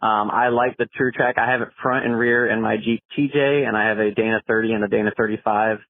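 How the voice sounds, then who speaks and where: A man's voice: on the low side, fairly even intonation, fast. An American man leaving a casual, rambling voicemail message as a listener calling in to a show. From Florida, USA. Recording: muffled narrow phone voicemail line.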